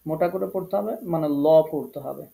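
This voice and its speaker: Bangladeshi guy teaching tajweed online, gravelly, kinda dark mellow tone, patient and repeats stuff. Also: on the high side. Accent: Bangladeshi Bengali. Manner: patient, explains step by step, repeats rules, slows to model recitation. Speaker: Quran recitation teacher.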